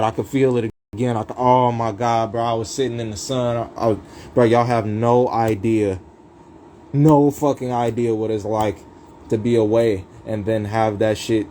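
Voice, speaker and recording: A man's voice: medium pitch, dark tone, a little hiss or hum, poor audio. A man telling his life story in a rambling, profane livestream, heavy with street slang and fillers.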